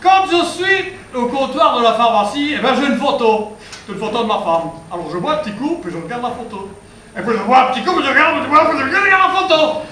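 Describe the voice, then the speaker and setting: A man's voice: very high-pitched, expressive, quick pace, pushed and bright, slight background noise, exaggerated voice. A man playing a drunk, pompous middle-aged politician, rambling and punning on stage. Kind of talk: stand-up one-man show character. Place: theatre stage. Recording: echoey stage recording from far off.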